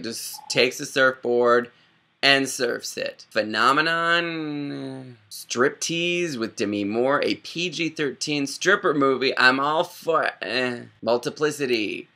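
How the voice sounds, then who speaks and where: A young man from the Chicago area, riffing sarcastically and rambling through a casual comedic vlog, with quick impressions. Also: fairly low pitch, creaky, pushed and bright. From Chicago area, Illinois. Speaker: video host.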